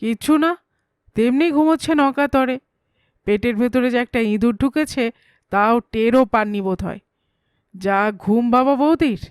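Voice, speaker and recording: A woman doing a cheeky young fellow in a comic audio story who rattles on and pokes fun, his voice pitched fairly high and sounding close and dry with no room around it. He chatters eagerly and jokes at every turn. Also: clean tone, no room sound, close to an everyday voice. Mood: amused. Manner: teasing, chattering, quick to joke. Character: young male errand-runner, cheeky and giggling.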